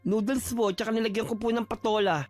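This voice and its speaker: Man voicing a gentle, devoted young son. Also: high-pitched, fairly even intonation, a little fast, lightly acted. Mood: tender. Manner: soft, polite, tender. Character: gentle devoted son caring for sick mother. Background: faint music.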